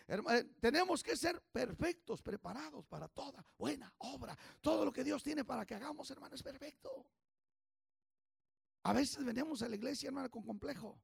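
A man preaching a bilingual sermon as pastor, calling on the congregation to repeat after him and shouting for emphasis. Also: very high voice, creaky, no echo, studio quality. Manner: switches between Spanish and English, calls for congregation responses.

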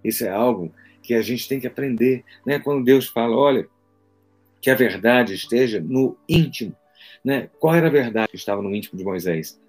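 Man, pastor, husky voice, impassioned sermon over soft guitar. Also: fairly low pitch. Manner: impassioned preaching with dramatic pauses, acting out quoted voices.

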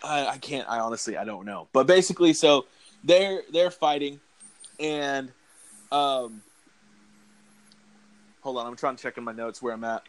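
A man's voice: medium pitch, moderate pace, long pauses. A man hosting a podcast, recapping a movie in a rambling casual way, full of fillers and restarts, with audible breathing. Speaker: podcast host.

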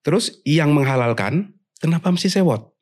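A man in a casual panel discussion, explaining his views in a measured way, often pausing and restarting. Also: a little high, lively intonation, darkish tone.

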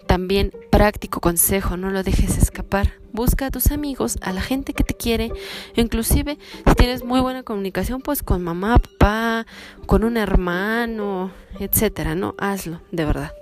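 Animated woman podcast host. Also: mid-range voice, measured pace, music in the background. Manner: animated, coaching, acts out little scenes. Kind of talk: self-help podcast talk.

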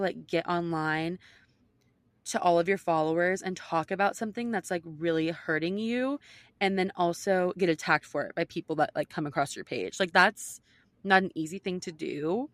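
A woman's voice: lowish voice, no room sound. A woman co-host talking casually and giving her opinions emphatically, peppering her sentences with "like". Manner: emphatic, heavy use of "like".

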